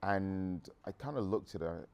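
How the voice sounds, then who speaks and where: Low-pitched and measured, this man in his thirties hails from England. As a guest entrepreneur responding to audience questions, he's forthright but rambles and backtracks to restart.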